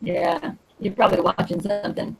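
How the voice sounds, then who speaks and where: A woman's voice: medium pitch, animated, gravelly. Woman teacher on a choppy, cutting-out call. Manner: brisk and encouraging, prompting students. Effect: choppy internet connection, voice cutting out. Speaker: Spanish teacher. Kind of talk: online class over video call. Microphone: video call.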